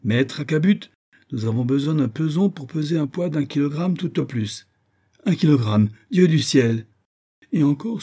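A man voicing a patient male army captain who persuades calmly in a storybook reading. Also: medium pitch, voice pushed up. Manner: courteous, persuasive.

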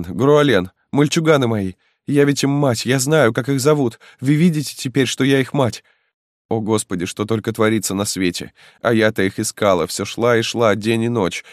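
A man plays a frantic young mother in an audiobook, pushing his voice up high into strained, pleading cries. The sound is dry and close, with no room around it. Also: dry recording, lightly acted. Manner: pleading, wailing cries for help.

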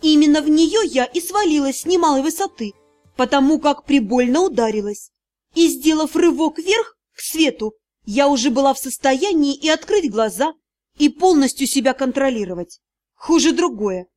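A woman's voice: high-pitched, animated, normal speed, darkish tone, soft background music. A woman reading a first-person fantasy audiobook with a dramatic, emotional delivery. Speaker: audiobook narrator.

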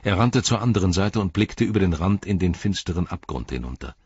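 A man narrating an audiobook in a measured, dramatic storytelling manner. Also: sits low, expressive, a little mellow, slightly rough, dry recording, highs cut off. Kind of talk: scripted narration.

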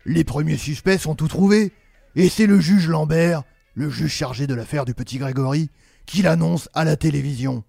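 A man narrates a mock crime story in a solemn, documentary-style tone. His voice is somewhat high, gravelly and husky. Faint music plays behind him. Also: moderate pace, darkish tone, no room sound, studio quality. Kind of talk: mock-dramatic narration in a comedy podcast.

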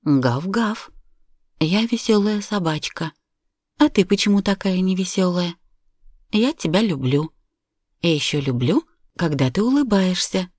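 A woman's voice: fairly low pitch, expressive, a little slow, long pauses, a little mellow, no echo, studio quality, pitched above the performer's own voice. A woman voicing a cheerful toy dog, playfully coaxing a child with a sing-song tone.

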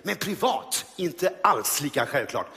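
A man performing a live stand-up comedy monologue, telling self-mocking stories in an animated way. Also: a little high. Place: large theater stage. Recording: hall reverb on a live stage.

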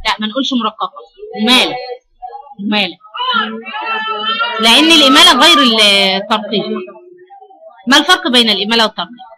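Woman, Egyptian accent, recitation teacher, fast, quizzing and repeating, loud classroom crowd. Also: fairly high pitch, lively intonation, poor audio. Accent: Egyptian Arabic. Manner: quizzing students, repeating key answers. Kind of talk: classroom lesson with questions.

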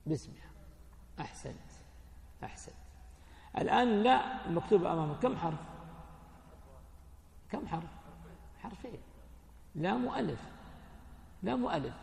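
A sheikh gives a classroom lesson on hadith, his voice pitched high with a gravelly edge. He keeps quizzing his listeners and then answers himself, in plain colloquial explanation. The sound rings through a large hall with a long, echoing tail. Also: animated, moderate pace, long pauses, a little mellow, a little hiss or hum. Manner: asks students questions, then answers them himself. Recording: echoey hall with long reverb.

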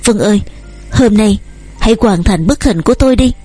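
A woman's voice: medium pitch, expressive, normal speed, warm tone, breathy edge, soft background music. A woman reading an earnest young suitor.

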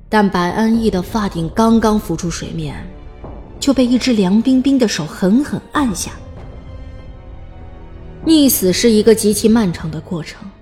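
A woman narrates a scripted audiobook with dramatic phrasing. Her pitch is in the middle female range, and faint music plays behind her. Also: darkish tone.

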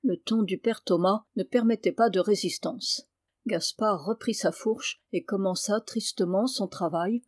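A woman reading a classic storybook aloud with calm, measured narration. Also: mid-range voice, no room sound, studio quality. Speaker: reader.

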